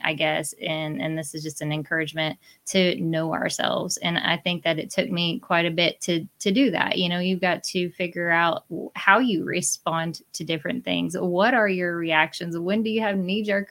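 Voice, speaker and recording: A woman on a faith-based panel speaks in a reflective, measured way, with light laughs here and there. Her voice sits somewhat low. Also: fairly bright tone. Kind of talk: faith-based casual chat.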